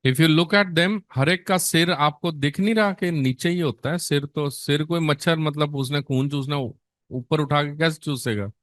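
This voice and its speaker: A man's voice: on the high side, a little slow, fairly bright tone, no echo, studio quality. A middle-aged man teaching a nursing exam class, quizzing students in Hindi mixed with English and answering his own questions in a coaxing tone. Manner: coaxing, quizzes students and answers himself, calls them beta.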